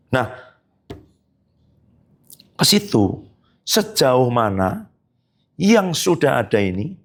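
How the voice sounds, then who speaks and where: A male pastor giving a sermon in an animated, conversational way, with many tag phrases. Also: a little high, creaky, slightly rough.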